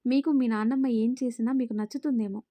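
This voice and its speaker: An earnest, outspoken young woman who pleads and stands firm, from a spoken storybook, read by a woman. The voice is fairly high and mellow, with a dry, close sound. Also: fairly even intonation, fast, dry recording, lightly acted. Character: young woman, a firm and caring caretaker of a little girl.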